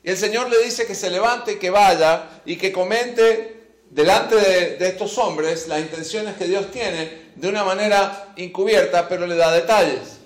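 A man's voice: sits high, measured pace. A man preaching a sermon, reading scripture and then speaking straight to his listeners, stressing and repeating his key phrases. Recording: echoey room.

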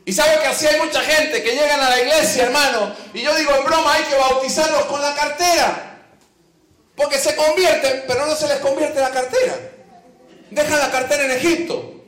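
A man's voice: extremely high pitch, fairly even intonation, moderate pace, a bit bright. A man preaches a sermon. He reads scripture and slips into the voices of its figures. The sound rings through a roomy church hall. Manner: reads scripture then acts out the quoted figures.

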